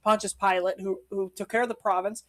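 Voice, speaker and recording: Excitable male co-host who interrupts and shouts. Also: high-pitched, brisk, poor audio. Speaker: podcast co-host. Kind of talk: casual comedic chat.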